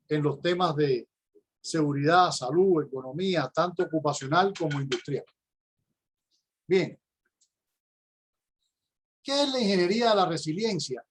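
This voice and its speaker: A middle-aged university professor from Cuba gives a prepared conference talk, his accented voice pitched notably high for a man. He explains things step by step in a measured tone, hesitating now and then to find the next word.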